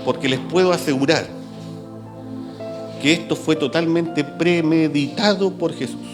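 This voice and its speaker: A man preaching a sermon in a church. He reads scripture aloud in an animated way and jokes with the congregation. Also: a little high, measured pace, over music.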